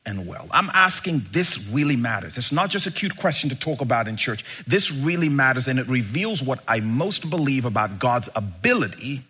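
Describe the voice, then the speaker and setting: A man's voice: medium pitch, big pitch swings, moderate pace, hardly any pauses, bright, forceful tone, slightly rough. A man preaching an impassioned sermon in the style of a rally speech, with emphatic rhetorical questions and dramatic swings between restraint and full force.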